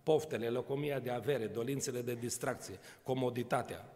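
In a large church hall, a man in his sixties delivers a sermon from the podium, his mid-range, slightly mellow voice carrying a long reverb through the podium mic. This pastor keeps things conversational, often posing rhetorical questions and adding light humor.

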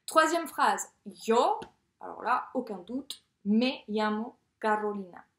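Woman teacher, higher voice, brisk recorded lesson, roomy echo. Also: animated. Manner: brisk, patient, explains and checks in often. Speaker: Spanish teacher. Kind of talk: recorded lesson correcting exercises. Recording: echoey room.

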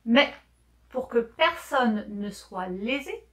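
A woman reading aloud, voicing a cunning, self-important male fox in a children's storybook with a persuasive, smooth manner. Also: fairly high pitch, lively intonation, takes it slowly, far from the mic. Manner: smooth, persuasive, talks down to others.

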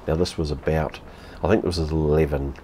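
Fairly quick and fairly even in intonation, his very deep voice stays mellow, with a little hiss or hum. He's a New Zealander in his fifties doing a casual on-camera beer review in a home room with a TV behind, blunt, sweary, and repeating himself.

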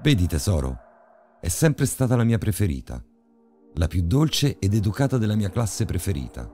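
A man's voice: deep voice, very animated, fairly quick, warm tone, husky, soft background music, exaggerated voice. A man voicing a middle-aged male child killer who taunts in a sickly sweet, mocking way.

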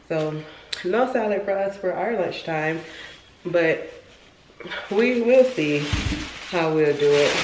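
A Florida vlogger in her 20s chats casually and rambles, often saying things twice, while filming in her kitchen. Her voice sits lowish, the space is reverberant and the background noisy, and the handheld camera eventually gets placed on the counter.

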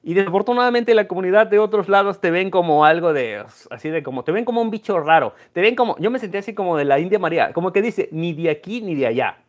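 A man's voice: high-pitched, animated, fast, few pauses. A young Mexican man with a Mexican accent, speaking casually and reflectively to camera in a vlog, mixing in Spanglish words. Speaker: numismatics vlogger.

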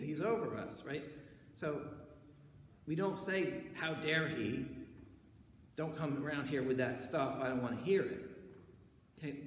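A man preaching in a church with a fairly high voice. He talks in a loose, conversational way, often tossing in "right?" and "okay". The sound is roomy, with a long hall reverb and a faint hiss underneath. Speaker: pastor. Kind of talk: sermon. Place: church sanctuary. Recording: echoey church hall with faint background noise.

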